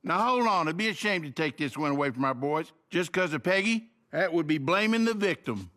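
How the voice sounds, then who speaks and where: A man voicing a fussy, officious middle-aged school official in an animated comedy. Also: fairly high pitch, fairly quick.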